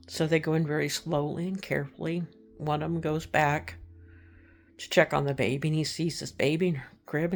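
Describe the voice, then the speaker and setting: Gravelly-voiced woman telling true crime. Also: sits low. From Texas. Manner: chatty, acts out quoted people, drops to hushed tones. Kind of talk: casual true crime retelling.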